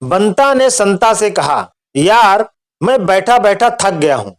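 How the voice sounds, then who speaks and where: A man reading out a string of short jokes in a steady storytelling voice. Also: high-pitched, slow, heavy background noise.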